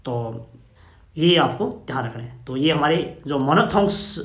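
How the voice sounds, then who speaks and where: High-voiced man teaching in an echoey room. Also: animated, a little slow, a bit bright, dull audio. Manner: explains step by step with frequent "okay?" checks. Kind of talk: classroom phonetics lesson.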